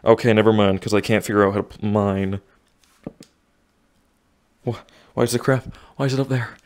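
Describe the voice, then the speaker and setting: A young gaming YouTuber commentates his own VR gameplay from a home room with a desk, out of breath, narrating every move and muttering to himself. His voice is on the low side, with fairly even intonation and a moderate pace.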